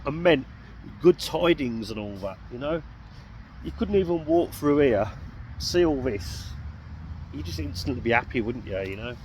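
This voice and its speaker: A man's voice: medium pitch, expressive, normal speed, a little hiss or hum. A man, chatting casually to camera at a night camp by a road, rambling with self-mocking asides. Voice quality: croaky. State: croaky throat. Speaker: camping vlogger. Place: outdoors at an urban roundabout camp at night.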